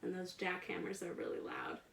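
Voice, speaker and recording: Her voice sits fairly low and swoops wildly in pitch, creaky yet fairly bright, at a moderate pace. This children's educator reads a picture book aloud, chatting with young listeners, asking them questions in simple words and leaning on key words.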